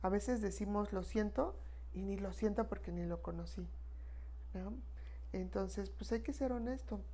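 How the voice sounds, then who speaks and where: A woman's voice: mid-range voice, normal speed, mellow. A woman, an expert guest explaining in an earnest, conversational way and tagging her points with a questioning "no?". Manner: earnest, repeats 'no?' tags, acts out quoted phrases. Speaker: expert guest on death and grief.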